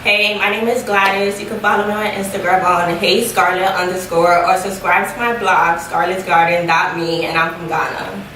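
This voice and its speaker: Lower-voiced young woman, echoey room. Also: steady tone, normal speed, few pauses, sharp tone, slight background noise. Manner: earnest and reflective, many fillers. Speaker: guest. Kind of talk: casual group chat. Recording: echoey room from a distant mic.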